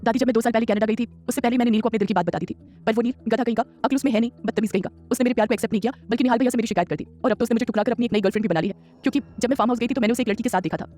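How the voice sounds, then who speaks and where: A man's voice: extremely high pitch, racing, a little mellow, pitched above the performer's own voice. A man voicing a tearful, lovesick young woman in an audio story. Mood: sulky. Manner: pleading, sulky.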